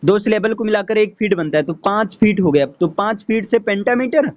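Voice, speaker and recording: A man's voice: high voice, lively intonation, a little fast. A man teaching an online lesson, explaining step by step and checking in with the listener after each point. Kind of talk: online lecture. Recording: slightly dull lo-fi audio.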